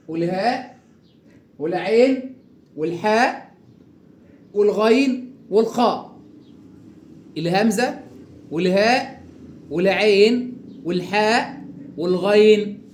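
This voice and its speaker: Higher-voiced Egyptian man teaching tajweed, echoey. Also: a little mellow. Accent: Egyptian Arabic. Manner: repeats each example slowly and drawn out after quick explanation; instructive, addresses the learner directly. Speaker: Quran recitation teacher. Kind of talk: tajweed lesson.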